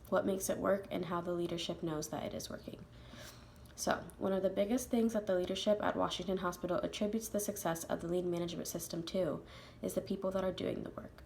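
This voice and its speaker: A woman's voice: mid-range voice, creaky, darkish tone, slight background noise. A young woman with a stuffy voice from a cold gives a class presentation, reading steadily with some fillers. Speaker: student presenter.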